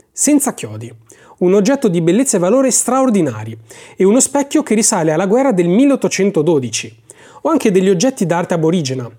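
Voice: mid-range voice, warm tone, natural voice. A reader voicing a polite, eager male antique dealer who speaks deferentially in an audiobook. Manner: deferential, courteous.

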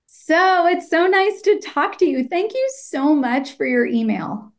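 A woman's voice: very high voice, lively intonation, measured pace. A middle-aged woman hosting a podcast interview, effusive and enthusiastic in how she talks. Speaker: podcast host.

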